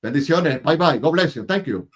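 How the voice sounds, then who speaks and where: A male interview host talking over a video call, chatty and quick to laugh, often repeating his words. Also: on the high side, lively intonation. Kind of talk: casual interview and enthusiastic sign-off.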